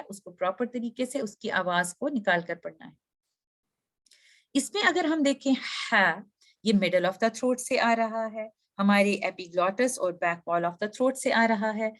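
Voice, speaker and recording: A woman teaching a recitation lesson, patiently explaining and slowly demonstrating sounds, mixing English terms into her speech. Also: a little high, fairly bright tone. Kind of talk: tutorial lesson.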